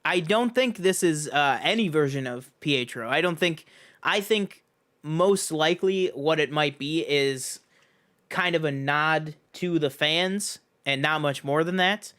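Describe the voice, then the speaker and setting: A man's voice: on the high side, a little slow, fairly bright tone. A man co-hosting a casual film review podcast, laying out his theories with lots of ums and you-knows. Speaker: podcast co-host.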